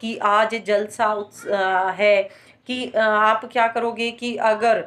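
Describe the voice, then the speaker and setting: A woman teaching a grammar lesson, explaining slowly with frequent pauses and stressing example words. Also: mid-range voice, little pitch movement, a bit bright.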